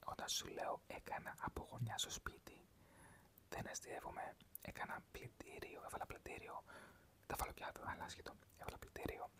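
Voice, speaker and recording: An ASMR creator whispering a rambling, gentle chat to viewers, mixing calming affirmations with everyday stories.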